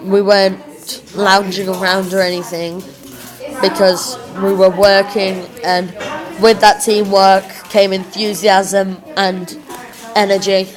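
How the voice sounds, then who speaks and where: A young woman speaks in a slightly rough, working-class English accent with a chavvy edge. She gives an informal reflection at a slow, halting pace, thinking aloud as she goes. Chatter from other people is clearly audible behind her. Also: mid-range voice. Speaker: drama student recording a reflective blog. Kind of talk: informal spoken self-review.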